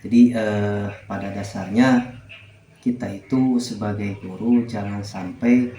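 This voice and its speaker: A man's voice: lowish voice, steady tone, measured pace, dark tone, faint music behind. A man interviewing a teacher, polite and agreeable, often chiming in with agreement. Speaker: interviewer, school literacy guide. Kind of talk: casual interview conversation. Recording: echoey room with faint noise.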